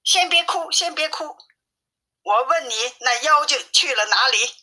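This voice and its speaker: A woman's voice: high-pitched, lively intonation, bright, forceful tone, voice pushed up, full character voice. A woman doing a cocky monkey king. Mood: commanding. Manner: brisk, confident, commanding.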